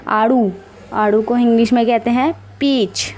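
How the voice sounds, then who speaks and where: A woman teaching vocabulary slowly and patiently, spelling each word out letter by letter. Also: a little high, steady tone, a little mellow. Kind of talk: slow, patient vocabulary lesson.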